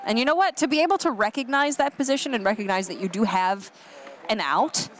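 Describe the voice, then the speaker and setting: A male color commentator talks up the players with enthusiasm and encouragement. His voice lifts as he gets excited about bold plays. Faint background noise sits under the mic. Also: sits high, brisk. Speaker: tournament co-commentator.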